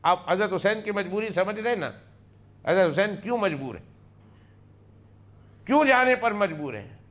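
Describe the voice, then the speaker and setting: A man's voice: high voice, lively intonation, moderate pace, fairly bright tone. A man, a religious scholar, giving a weekly religious lesson. He tells the story emphatically, repeats key phrases and acts out the quoted dialogue.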